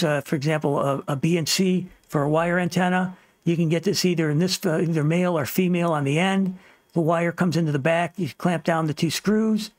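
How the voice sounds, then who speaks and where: Here a ham radio tutorial host walks through slides in a casual instructional talk, plain-spoken and focused on useful advice. His voice is fairly high, and there's no echo.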